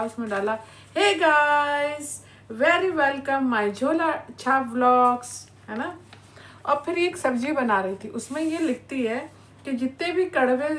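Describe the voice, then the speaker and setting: The host of this reaction video is a woman whose voice is high and fairly bright. Her angry rant is full of scolding and insults, punctuated again and again by "है ना."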